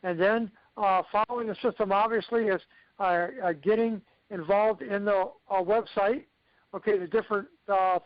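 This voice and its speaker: Speaking in a high register over dry audio, this man plays a success coach delivering a motivational, instructive training talk to his team, often pausing to ask "okay." It comes through as dull, lo-fi conference-call audio.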